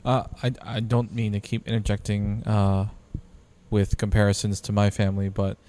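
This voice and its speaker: A man co-hosting a casual podcast, speaking calmly and carefully, with hesitant pauses and "uh"s. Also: lowish voice. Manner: calm, measured, hesitant with "uh". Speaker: podcast co-host.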